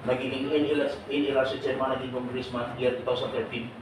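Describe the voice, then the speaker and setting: In an energetic lecture before a live seminar audience, a middle-aged man poses questions, cracks jokes and laughs frequently. He speaks at medium pitch with a flat delivery and slightly fast pace, captured far away in an echoey, noisy room.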